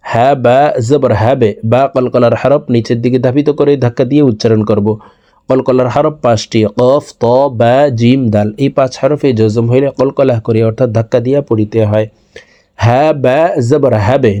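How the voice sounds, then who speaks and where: A man's voice: mid-range voice, warm tone, lo-fi sound. A man teaching Quran reading, patiently spelling out each Arabic letter and vowel mark in a Bangladeshi Bengali accent. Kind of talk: spelling-out recitation lesson.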